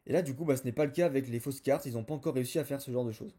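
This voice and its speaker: A man hosting his own video channel, talking straight to his viewers in a chatty, filler-laden way. His voice is husky and mellow, with a dark, soft tone. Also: mid-range voice, racing. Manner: chatty, addresses viewers directly, frequent fillers. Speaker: YouTube host. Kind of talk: casual explainer video.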